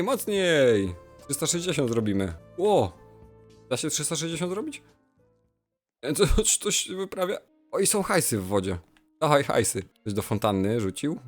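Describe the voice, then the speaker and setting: Young man, game commentary, playful, jokey, very lively pitch, faint music behind. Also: moderate pace. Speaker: gamer. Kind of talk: Roblox let's play commentary.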